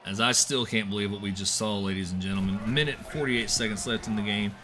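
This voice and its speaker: A young man doing live play-by-play commentary on a simulated football game, getting excitable on big plays. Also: fast talker, a little hiss or hum. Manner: excitable, voice jumps high and loud on big plays. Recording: music playing behind the voice.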